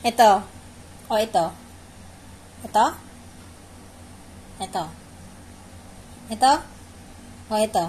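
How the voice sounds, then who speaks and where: A woman's voice: on the high side, slow, long pauses, mellow, slight background noise. A woman playfully teasing her pet dog, repeating short commands and questions in a coaxing way. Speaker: pet owner.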